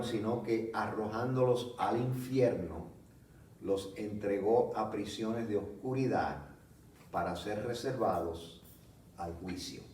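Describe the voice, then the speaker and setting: A man preaching a teaching sermon, explaining slowly and checking in with his listeners. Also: fairly low pitch, darkish tone. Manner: slow, explanatory, frequent "¿ok?" check-ins. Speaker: pastor. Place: church hall. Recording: echoey room from a distance, faint background noise.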